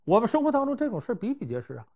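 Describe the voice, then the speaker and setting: A man telling historical and everyday anecdotes to give life advice, conversational and animated, swinging between loud and hushed. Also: very high voice, very fast. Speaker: storyteller giving life advice. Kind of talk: anecdotal storytelling talk.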